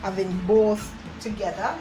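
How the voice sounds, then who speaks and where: A middle-aged woman with a Jamaican accent chats casually to viewers as co-host alongside her son or daughter, the host. Her medium-pitched voice is fairly even and measured, with music playing over the talk as background noise.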